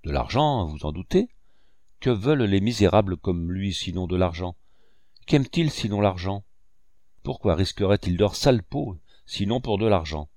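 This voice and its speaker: A haughty, quick-tempered squire booms through a classic storybook, read by a man. His voice sits low, and his phrases rise and fall widely. The recording is close and dry. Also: animated, a little mellow, no echo. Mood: hearty. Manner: exclaiming, grandiose. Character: big hot-tempered haughty English squire.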